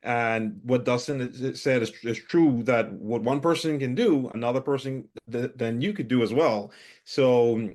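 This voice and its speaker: A man's voice: mid-range voice, unhurried, darkish tone. A man from the Bahamas, giving a casual testimonial over a video call, hesitant and full of fillers. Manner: hesitant, many fillers and restarts. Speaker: coaching student giving a testimonial.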